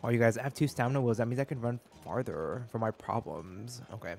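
A young man chatting casually while streaming a game, animated and full of slang. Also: mid-range voice, fast, vocal fry, a little hiss or hum. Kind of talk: casual gaming stream chat.

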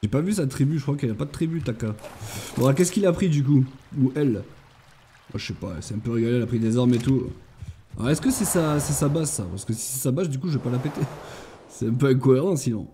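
A man's voice: mid-range voice, expressive, quick pace, dark tone, slight background noise. A man hosting a gaming channel, chatting casually and thinking aloud as he plays, with jokey asides. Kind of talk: casual let's-play commentary.

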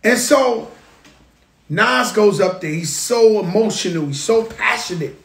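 A middle-aged man with a fairly high voice tells an animated story. He piles up repeated phrases for emphasis. The sound is echoey and reverberant, as if captured in a large open space. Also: a little slow. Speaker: speaker at a public event. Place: outdoor construction site event.

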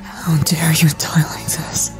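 A woman voicing a bitter, grieving young man in a hushed, slow, anguished anime fan dub. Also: low-pitched, completely flat delivery, in a whisper, over music. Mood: bitter grief.

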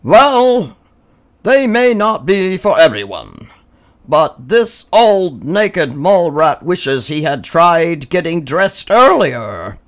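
A woman's voice: on the low side, big pitch swings, slow pace, voice pushed up. A woman voicing a heroic, regal old male mole rat grandpa, proclaiming grandly for a children's storybook. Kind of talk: children's storybook read-aloud.

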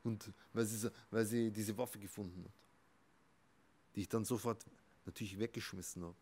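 A man, a rabbi, giving an emphatic motivational talk that swings between soft and loud. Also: fairly low pitch, steady tone, normal speed, husky. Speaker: rabbi and therapist.

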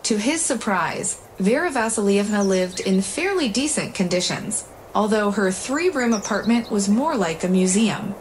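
A woman hosting a story channel, calmly narrating a scripted life story, with faint noise in the recording. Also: medium pitch, moderate pace.

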